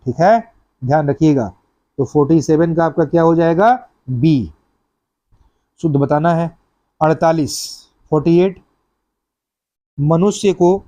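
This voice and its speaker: A man's voice: fairly high pitch, mellow, no room sound. A man teaching an exam-prep class, going through practice questions step by step and repeating each answer.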